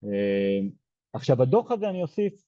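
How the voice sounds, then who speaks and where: A soft-spoken man from Israel lectures in a hesitant way, with many fillers and restarts. His voice sits at a middle pitch. The sound is dry and muffled. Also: big pitch swings, dry recording. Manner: soft-spoken, hard to hear. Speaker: genocide studies lecturer. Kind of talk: explaining lecture.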